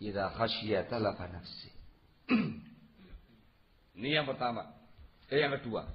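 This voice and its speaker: A man preaching an Islamic sermon, emphatic and given to rhetorical questions, reciting Arabic phrases and swinging between loud and soft delivery. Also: fairly low pitch, animated, slow pace, muffled recording, slight background noise. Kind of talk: sermon lecture.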